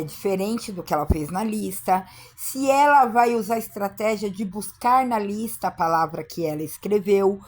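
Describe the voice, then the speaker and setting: A woman's voice: mid-range voice, darkish tone, slight background noise. A woman giving an instructional talk to teachers, speaking emphatically and acting out short classroom dialogues. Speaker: teacher trainer.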